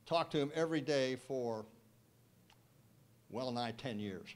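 An older guest speaker with a mid-range voice takes audience questions in a banquet room with wood panelling. Speaking into a handheld mic, he answers in a wry, emphatic and measured way.

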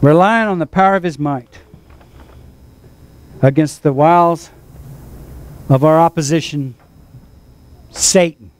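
Pastor, male, high voice, emphatic sermon delivery with call-and-response. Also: slow, long pauses, smooth. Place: church.

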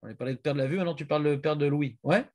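A man's voice: fairly high pitch, racing, darkish tone. A man teaching a Talmud class, questioning and prodding his students.

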